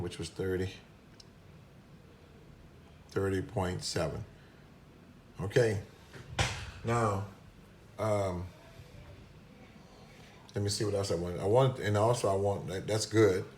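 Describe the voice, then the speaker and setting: A man's voice: low voice, takes it slowly, long pauses, darkish tone, slight background noise. A man giving a casual, hesitant hands-on demonstration at a workbench, with many restarts and fillers, recorded on a phone camera. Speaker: product reviewer demonstrating a meter.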